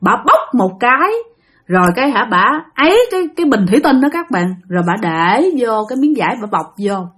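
A woman with a Southern Vietnamese accent narrating a spooky tale in a chatty, conversational way. Her voice sits a little high, and she keeps turning to her listeners as she tells it. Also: big pitch swings, brisk, fairly bright tone. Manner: chatty, addresses listeners directly. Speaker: storyteller. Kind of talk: spoken ghost-story narration.

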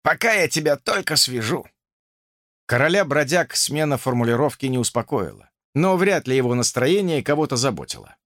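A man's voice: medium pitch, fairly bright tone, no room sound, studio quality. A man narrating an audiobook in a theatrical reading.

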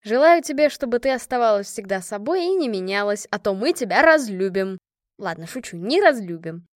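A woman's voice: medium pitch, lively intonation, brisk, no echo, clean studio sound, natural voice. A woman reading the part of a squad commander in an audiobook, giving an affectionate, joking toast to her friend. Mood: fond toast. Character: commander of a women's squad, warm and teasing.

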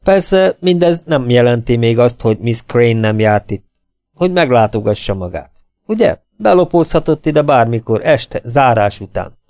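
A man voicing a calm, sly middle-aged detective, measured and needling. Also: medium pitch, dry recording, clean studio sound, pitched above the performer's own voice, lightly acted. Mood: probing.

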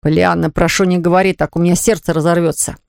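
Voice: medium pitch, little pitch movement, fast, gravelly, clear, resonant tone, dry recording, clean studio sound, lightly acted. A reader voicing an ardent young man who earnestly begs his sweetheart. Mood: imploring. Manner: earnest, imploring.

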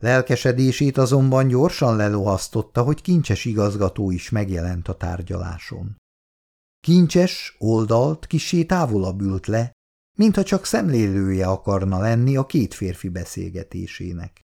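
A man reading a novel aloud as narrator in an expressive, animated reading voice. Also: on the low side, vocal fry.

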